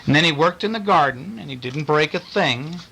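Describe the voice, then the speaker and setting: A dad reads a bedtime story to his children in a slightly high, animated voice that's brisk, creaky, husky, pushed and bright. He plays up lines and sound effects with playful asides, recorded noisily at home by amateurs.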